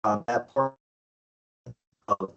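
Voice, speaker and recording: Man, webinar presenter, hesitant, lots of fillers, mid-pitched voice, connection breaking up, dull lo-fi call audio. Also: drawn-out words, fairly bright tone. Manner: hesitant, with many filler sounds. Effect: call connection breaking up, voice cutting out. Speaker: software demo presenter. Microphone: online meeting call mic.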